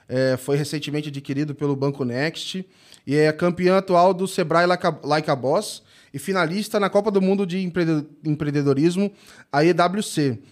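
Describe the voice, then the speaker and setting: A man with a somewhat high voice hosts a podcast. He talks in a casual, halting way, with lots of filler sounds and restarts as he introduces his guest and chats with her. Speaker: podcast host. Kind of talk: casual interview chat.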